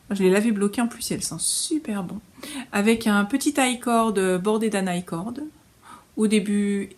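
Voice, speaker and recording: A middle-aged woman hosting a knitting podcast, chatting casually as she shows her work, with many fillers and restarts. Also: medium pitch. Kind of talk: casual show-and-tell chat.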